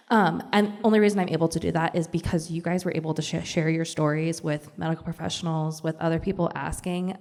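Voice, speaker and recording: Gravelly-voiced mother speaking with gratitude. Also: on the low side, a little mellow. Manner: grateful, heartfelt, growing emphatic. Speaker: parent of affected children. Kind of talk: personal testimony in a group discussion. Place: conference room at a live event. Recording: long reverb of a conference hall.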